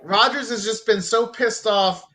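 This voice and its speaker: Casting: man with a high, bright voice, blunt animated sports storyteller. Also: measured pace. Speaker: sports talk show regular. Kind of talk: casual sports chat.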